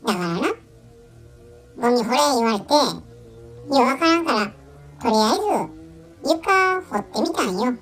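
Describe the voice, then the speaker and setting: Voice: mid-range voice, very animated, normal speed, pauses often, a bit bright, faint music behind. An owner voicing a dim but sweet female chihuahua who talks in a Kansai accent and gripes naively, in a comic pet voice-over through a talking-pet voice-changer app. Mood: grumbling. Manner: chatty, complaining, naive.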